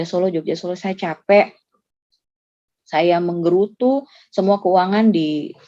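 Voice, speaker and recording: Woman giving a mellow, earnest testimony. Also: lowish voice, dry recording. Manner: earnest, emotional storytelling, often pausing. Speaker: church ministry worker. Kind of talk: personal faith testimony. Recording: slightly dull lo-fi, dry sound.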